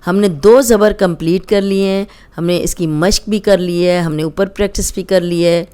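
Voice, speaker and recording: A woman teaching Quran recitation, drilling each word slowly and then explaining quickly in a lower voice. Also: steady tone, warm tone. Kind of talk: slow drilled recitation lesson.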